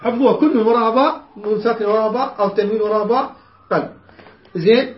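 A man teaching a Quran recitation lesson, chanting verses slowly and quizzing his students. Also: high voice. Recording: roomy, dull lo-fi recording.

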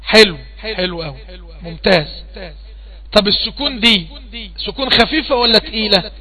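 High-pitched Egyptian man teaching tajweed. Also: lively intonation, sharp tone, rough recording. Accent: Egyptian Arabic. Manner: patient questioning, repeats points slowly. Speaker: Quran recitation teacher. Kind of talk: online tajweed lesson.

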